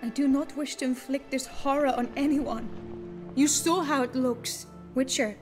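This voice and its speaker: Woman acting noblewoman, high-pitched, formal, guarded, troubled, fantasy game drama, clear musical backing. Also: fairly even intonation, moderate pace, music in the background, lightly acted. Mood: troubled, resigned. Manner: formal, courtly diction.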